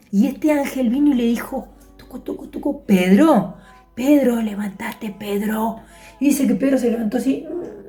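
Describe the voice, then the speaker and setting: A high-voiced woman with an Argentine accent tells a Bible story to children. Her tone is mellow rather than bright, and she keeps it animated with little sound effects and "¿sí?" check-ins. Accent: Argentine Spanish.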